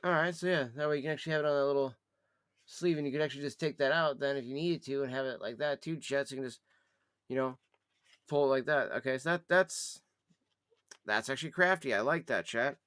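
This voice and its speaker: A man's voice: medium pitch, quick pace, fairly bright tone, clean tone, no echo, studio quality. A man chatting casually and thinking aloud as he hosts a live review, in a loose, slangy way. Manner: slangy, addresses listener as dude or by name. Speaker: host of a pipe tobacco review show.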